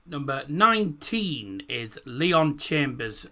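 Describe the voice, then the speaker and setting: A man's voice: a little high, sing-song, pushed and bright. A man hosting a football watchalong, announcing in an informal way, with a speech impediment that makes his r sound like w. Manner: informal, deliberate on names, swears mildly. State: has a cold. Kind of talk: live stream announcing, reading out team lineups.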